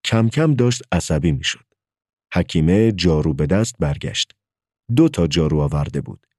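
A man's voice: very deep voice, lively intonation, a little mellow, dry recording, clean studio sound. A man narrating a story as an audiobook, telling it expressively.

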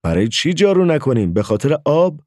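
A man's voice: on the high side, sing-song, warm tone, no echo, clean studio sound, voice pushed up. A man reading a story aloud and voicing his young child self, eager and questioning. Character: young village child, the narrator as a kid. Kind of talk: audiobook character voice.

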